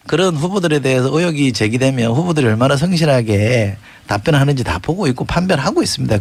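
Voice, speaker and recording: A man's voice: medium pitch, breathy edge, no room sound. A man who is a rival campaign spokesman, scolding and lecturing his opponent. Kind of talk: political debate talk.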